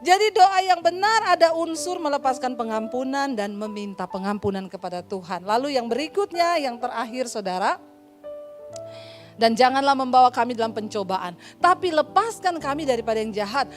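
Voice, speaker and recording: A woman pastor preaching a sermon, telling stories in a lively way and often addressing the congregation as brothers and sisters. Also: high-pitched, normal speed, faint music behind. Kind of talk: sermon with acted-out anecdotes.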